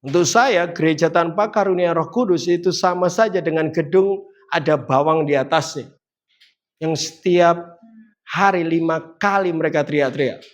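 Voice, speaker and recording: A man delivers a sermon in a high voice. He builds emphasis as he goes, lifting his voice on the key points. He turns to the congregation with direct questions as he preaches. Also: moderate pace.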